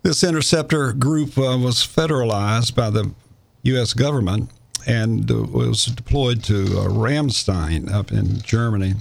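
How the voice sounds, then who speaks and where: Gravelly man chatting. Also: medium pitch, measured pace. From East Tennessee. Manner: rambling, storytelling with many uh fillers. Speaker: co-host. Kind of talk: casual chat.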